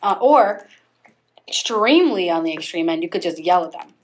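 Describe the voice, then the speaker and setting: A woman's voice: on the low side, lively intonation, normal speed. A young woman co-hosting a casual podcast, rambling with lots of fillers and frequent laughter. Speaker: podcast co-host. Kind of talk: casual chat.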